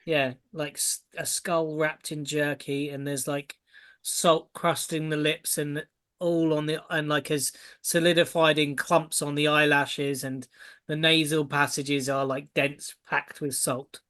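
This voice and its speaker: A man with a fairly high-pitched voice runs a tabletop role-playing game. He narrates scenes as game master, descriptively and haltingly, building each image piece by piece. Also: little pitch movement, sharp tone.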